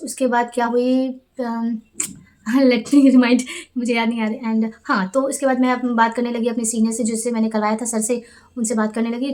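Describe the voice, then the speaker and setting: Fast-talking, high-voiced young woman vlogger. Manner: animated, indignant retelling with quoted dialogue. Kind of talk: casual storytelling vlog. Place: Delhi.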